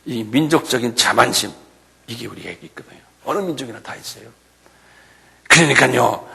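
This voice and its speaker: Animated preaching man, gravelly and bright. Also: medium pitch, brisk. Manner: animated preaching with rhetorical questions. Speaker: pastor. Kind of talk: sermon. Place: church sanctuary.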